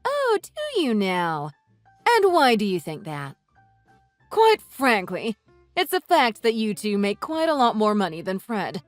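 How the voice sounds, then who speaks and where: A woman reading the text messages of an older, self-righteous mother-in-law in a slow, scolding way, over soft music. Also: medium pitch, huge pitch swings, no room sound. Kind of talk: read-aloud text-message story. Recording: dry voice with soft music underneath.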